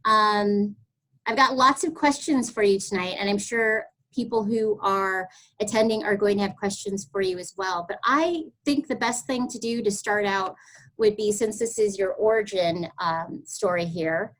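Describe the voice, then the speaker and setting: A woman hosting an online artist webinar over a video call, introducing her guest effusively with many pauses and fillers. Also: mid-range voice, a bit bright, rough recording. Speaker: host of online workshop. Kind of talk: webinar interview.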